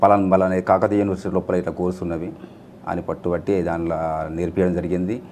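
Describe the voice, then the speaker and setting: A man talks quickly and earnestly as a guest in a news studio. His voice sits low, and his rambling answers run together. Faint ambient noise stays in the background. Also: flat delivery, a little mellow. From Telangana. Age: 50s. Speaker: guest mimicry artist. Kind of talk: studio interview.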